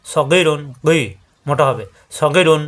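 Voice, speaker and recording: A man with a slightly high voice teaching Quran letter sounds one step at a time. He chants each syllable over and over in set patterns. He stops to correct wrong forms and speaks straight to the viewers. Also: measured pace, a bit bright. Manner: addresses viewers directly with instructions. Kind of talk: step-by-step letter pronunciation lesson.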